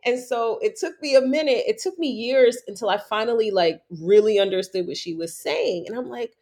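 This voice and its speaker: A woman from New York hosting a casual conversation, telling stories in a lively way with plenty of fillers. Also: fairly high pitch, moderate pace. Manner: animated storyteller, many fillers.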